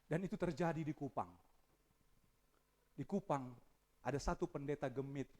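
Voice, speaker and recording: Fervent preaching man, loud swells. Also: fairly high pitch, normal speed. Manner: swings from hushed storytelling to loud fervent appeals. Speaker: pastor. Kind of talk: sermon.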